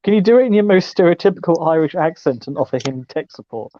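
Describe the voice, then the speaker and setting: A man's voice: fairly high pitch, lively intonation, fast, mellow, dull audio, a little hiss or hum. A man in casual stream chat who teases and laughs, often stammering as he starts a sentence.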